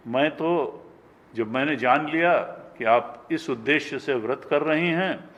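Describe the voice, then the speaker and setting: Older indian swami w/ north indian hindi accent, tells scripture stories slow, voices the characters, long hall echo. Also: male voice, fairly bright tone, highs cut off. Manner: storytelling, acting out dialogue with rising pitch. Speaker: spiritual teacher.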